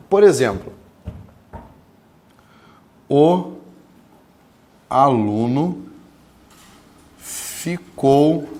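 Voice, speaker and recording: A male grammar teacher lecturing to his class with a slightly raised pitch. He speaks emphatically, often stretching single words out slowly so students can copy them down. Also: darkish tone. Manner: emphatic, dictates terms slowly word by word.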